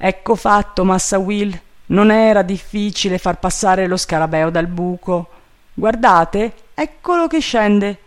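Bumbling servant, high and fretful, a man reading the part. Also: a little slow. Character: timid, bumbling male servant up a tree.

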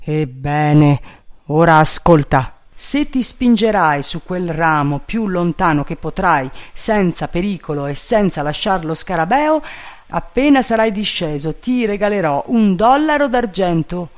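A man doing an impatient, shouting gentleman. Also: high voice, lively intonation, unhurried, pitched above the performer's own voice. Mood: urgent. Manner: urgent, commanding, raised voice. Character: excitable, impatient male gentleman giving orders.

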